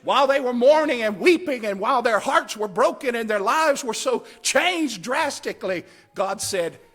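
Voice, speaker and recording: High-pitched, animated male preacher. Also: moderate pace. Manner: emphatic, dramatic delivery swinging from hushed phrases to loud cries; rhetorical, repeats short phrases for emphasis. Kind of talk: camp meeting sermon.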